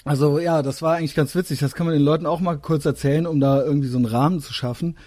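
A man's voice: on the high side, steady tone, very fast, darkish tone, dry recording. A man in his thirties from western Germany hosting a casual podcast chat, talking in a hesitant way with lots of filler sounds. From Koblenz, Germany. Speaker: podcast host.

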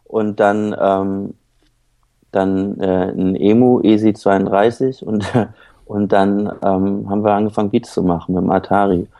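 A man from northern Germany, a guest on a casual podcast, reminiscing in a rambling, halting way. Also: on the low side, flat delivery, mellow, no echo.

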